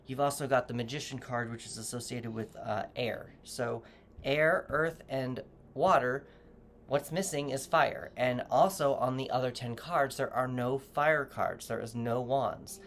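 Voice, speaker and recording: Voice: mid-range voice, measured pace, a little hiss or hum. A tarot reader giving a casual reading to camera, loose and rambling, often correcting themself while advising the viewer directly. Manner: gently advising, speaking straight to the viewer.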